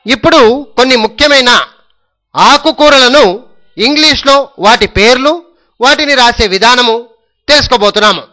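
A man's voice: extremely high pitch, moderate pace, pauses often, pushed and bright. A man with a Telugu accent teaching English vocabulary, spelling each word letter by letter and repeating it several times. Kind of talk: slow spelling lesson in Telugu.

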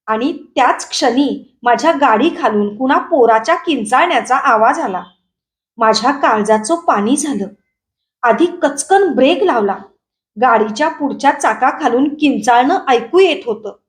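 High-voiced woman reading a story. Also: a little slow, reverberant. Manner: steady dramatic storytelling, rising for shouted quotes. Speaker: story reader. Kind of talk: reading a Marathi short story aloud.

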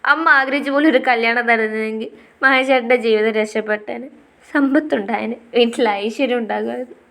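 Woman as a young wife, pleading and emotional, slightly high, audio story. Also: steady tone, a little fast, vocal fry, a bit bright. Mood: tearful. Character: shy young wife, hurt and tearful.

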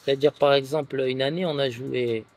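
A relaxed man in his thirties, grown up in France, talks casually as a guest on an outdoor sofa. His voice sits at an ordinary middle pitch, and he leans on small fillers as he searches for words. Soft music plays faintly behind him. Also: a little fast. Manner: relaxed, full of fillers like "tu vois". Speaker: guest footballer. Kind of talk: casual interview chat.

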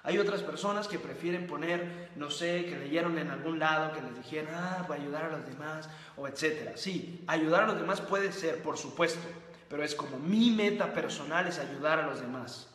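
On his live book-review stream, a man delivers motivational talk with emphasis, circling back to repeated phrases and rhetorical questions. He speaks at a moderate pace in a fairly high voice with a fairly bright tone, and long reverb fills the echoey room.

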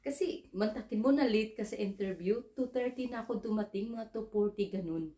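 Woman from the Philippines, casual storytelling, mellow tone, roomy echo. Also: medium pitch, normal speed. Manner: chatty, mixes English into Tagalog, acts out dialogue. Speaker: vlogger, domestic worker abroad.

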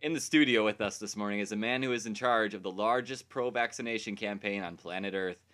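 A man playing a parody news anchor, earnest and deadpan, reading a scripted satirical newscast. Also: lowish voice, fairly quick, smooth, natural voice.

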